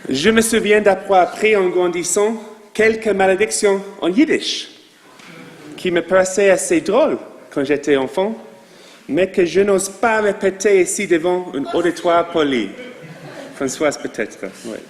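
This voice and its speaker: Rabbi preaching in French with a foreign accent; slow, fairly high voice, long reverb of a synagogue hall. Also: male voice. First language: not French. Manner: slow, measured delivery with asides to the audience. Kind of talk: sermon to a congregation.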